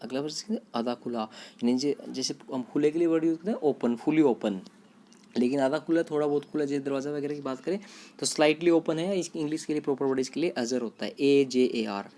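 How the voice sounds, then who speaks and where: A man teaching vocabulary to students, repeating each word, spelling it out letter by letter and pausing on fillers. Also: fairly high pitch, dark tone, slight background noise. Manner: addresses students directly, with hesitant fillers. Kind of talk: vocabulary lesson.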